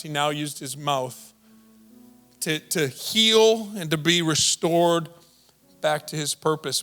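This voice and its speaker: A man's voice: a little high, a bit bright. A male pastor preaching a sermon in a conversational way, with casual asides and repeated words. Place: church service.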